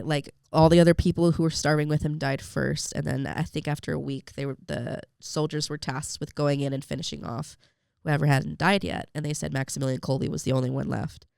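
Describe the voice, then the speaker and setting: A woman's voice: deep voice, fairly even intonation, normal speed, vocal fry, smooth, no echo, studio quality. A young woman telling a heartfelt personal story as a podcast guest, with lots of "like" and fillers. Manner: emotional storytelling with many fillers. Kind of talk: personal faith story in an interview.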